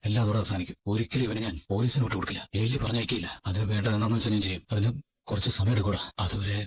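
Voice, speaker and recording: A man dubbing an earnest, worried elder brother figure who talks fast and persuasively. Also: on the low side, steady tone, slightly rough. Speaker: dub voice actor. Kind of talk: fan dub of a TV serial.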